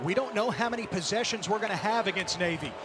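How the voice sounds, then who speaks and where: A man calling live American football, with dramatic, drawn-out shouted touchdown calls. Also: sits high. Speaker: play-by-play commentator. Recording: loud crowd roar and stadium noise.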